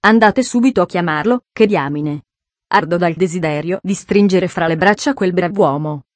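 A woman reading a storybook voices a loud, sinister Frenchman on the low side, acted only lightly. He drawls slowly and theatrically, boisterously mocking everyone around him. The recording is dry and close with no room sound.

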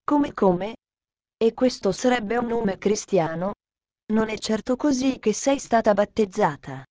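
Brief: a woman reading a severe, scolding governess, mid-pitched voice, dry close sound. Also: animated, measured pace, dark tone, no echo, natural voice. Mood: stern. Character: stern strict middle-aged female governess.

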